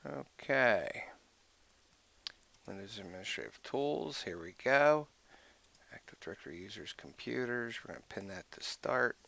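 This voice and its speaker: Brief: gravelly low-voiced guy, casual tech tutorial, talks to himself while clicking. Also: expressive, measured pace, a bit bright, muffled recording. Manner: thinking aloud, muttering to himself while clicking. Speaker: IT tutorial host. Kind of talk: casual screen-recorded tech walkthrough.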